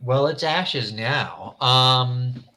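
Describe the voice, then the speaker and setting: A woman playing in a tabletop game, blunt and quick to accuse. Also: very deep voice, bright, forceful tone. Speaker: player.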